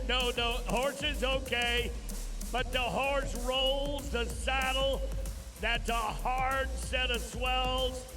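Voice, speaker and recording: A man commentates live at a rodeo with music playing behind him. His delivery is slow and folksy, in a strikingly high voice that appeals straight to the audience. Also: bright, forceful tone. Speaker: rodeo announcer.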